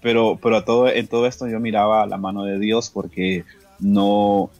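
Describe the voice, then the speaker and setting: A man's voice: fairly low pitch, level tone, moderate pace, a little mellow, muffled recording, soft background music. A man with a Honduran accent, a guest singer and pastor, tells a personal story in an interview, acting out the dialogue and often repeating words. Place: radio studio.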